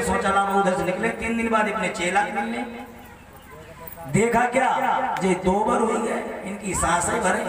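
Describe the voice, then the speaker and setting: A man from Uttar Pradesh delivering a lively devotional storytelling sermon through a PA to a large gathering. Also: sits high. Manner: lively, animated storytelling with many voices. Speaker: katha storyteller. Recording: echoey hall from far off with crowd. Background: audience crowd.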